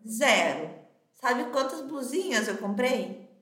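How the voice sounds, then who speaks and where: A woman's voice: a little high, animated, slow pace, fairly bright tone, reverberant. A Brazilian woman co-hosting a podcast, chatting casually and reading out listener comments with emphatic asides. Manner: chatty, emphatic, tags phrases with "tá?". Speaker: podcast co-host.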